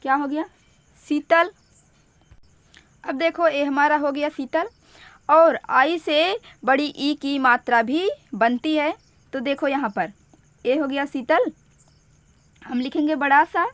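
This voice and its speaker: Female teacher, high pitch, unhurried step-by-step delivery, patient and repetitive. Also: fairly bright tone, dry recording. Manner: patient, repeats each step slowly. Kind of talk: step-by-step spelling lesson.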